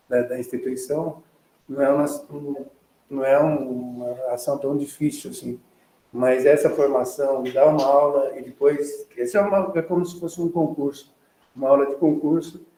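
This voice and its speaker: Flat, dark-voiced Brazilian man moderating. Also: mid-range voice. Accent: Brazilian Portuguese. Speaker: meeting moderator, nephrologist. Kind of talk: moderating a clinical meeting. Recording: echoey meeting room.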